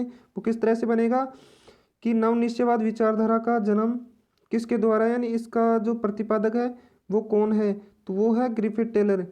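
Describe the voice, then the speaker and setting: A woman teaching an exam-prep lesson, explaining slowly and repeating each point in other words. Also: a little high, mellow.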